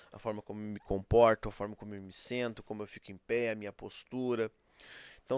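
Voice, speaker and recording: A male teacher with a smooth, mid-range voice gives a classroom lecture in a dry recording. He explains things step by step, checks in with frequent rhetorical questions, and demonstrates by acting out examples.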